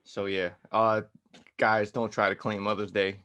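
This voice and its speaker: A man co-hosting a podcast in casual chat, animated and joking, swinging between loud and soft and swearing freely. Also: lowish voice, a little slow. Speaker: podcast co-host.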